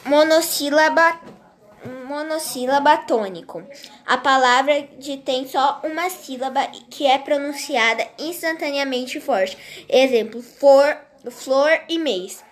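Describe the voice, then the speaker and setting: A woman reading a grammar lesson aloud in a slow, halting way, restarting words as she goes. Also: high voice. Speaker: teacher.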